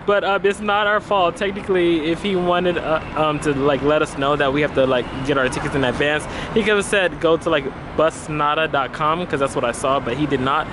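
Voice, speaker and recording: A man's voice: fairly high pitch, brisk, few pauses. A young man chatting casually to a handheld camera, rambling and laughing often as he talks. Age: young adult. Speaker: travel vlogger. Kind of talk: casual vlog chat to camera. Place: outdoors on a busy city street. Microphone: handheld camera held close. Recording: street traffic noise behind. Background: city traffic and passing vehicles.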